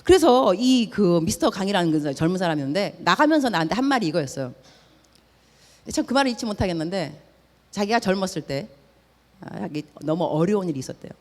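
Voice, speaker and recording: In a large hall, a woman missionary delivers a storytelling sermon in a lowish, brisk voice. She's lively, acting out the dialogue and dropping English words into her speech.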